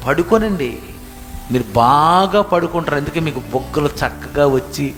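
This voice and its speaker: A man preaching a sermon as pastor, emotional, with rhetorical questions, dropping to a hush and then rising. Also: a little high, normal speed. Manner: emotional, rhetorical questions, swings between hushed and raised. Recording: long hall reverb with faint music behind.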